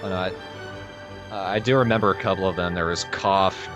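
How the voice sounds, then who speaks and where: Here a man with a low, fairly even voice speaks fairly quickly while casually commenting on gameplay alongside a co-host. His humor is dry, he swears a lot, and the game's music plays behind him.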